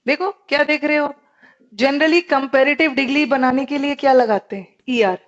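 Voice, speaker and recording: A woman's voice: high voice, fairly even intonation, unhurried, highs cut off. A woman with an Indian English accent teaching a live online grammar class, explaining in Hindi mixed with English and asking her students questions.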